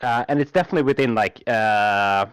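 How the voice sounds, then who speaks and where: A man running a tabletop game as game master, narrating in halting, hesitant phrases. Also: mid-range voice, a bit bright, clean tone, no room sound.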